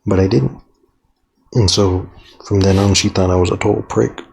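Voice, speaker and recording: A man's voice: low voice, fairly even intonation, moderate pace, creaky, a little mellow, a little hiss or hum. A young man rambling reflectively through an unedited video journal while playing a game, swearing casually now and then.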